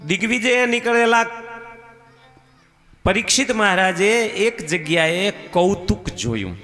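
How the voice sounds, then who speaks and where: Male preacher, devotional storytelling, high bright voice, slow sing-song delivery, long hall echo, faint music. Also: expressive. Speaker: katha preacher.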